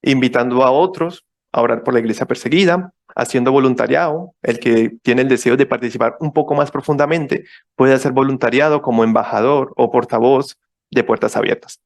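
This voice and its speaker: A man's voice: mid-range voice, brisk, vocal fry. Man giving an explanatory church talk. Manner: explanatory, repeats key points, checks in with listeners. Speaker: visiting ministry speaker. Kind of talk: church presentation.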